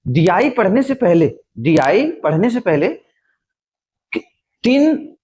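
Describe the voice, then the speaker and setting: A man teaching an exam-prep maths lesson, often asking a question and then answering it himself. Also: sits high. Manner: repetitive, asks and answers own questions.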